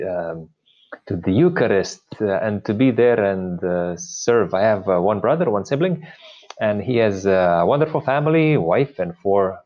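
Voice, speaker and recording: Slovenian-accented male priest, interview guest, halting delivery, muffled remote sound. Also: on the low side, a little mellow. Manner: hesitant, many filler pauses. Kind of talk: interview conversation.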